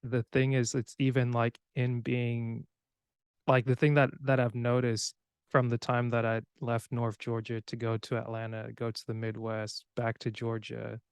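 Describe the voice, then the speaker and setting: A young man from Cameroon, raised in the United States, hosting a podcast in a relaxed, rambling way. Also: medium pitch, a little slow, clean tone, no echo, clean studio sound. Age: young adult. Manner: relaxed, rambling, with filler words and laughs. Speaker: podcast host. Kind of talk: casual conversation.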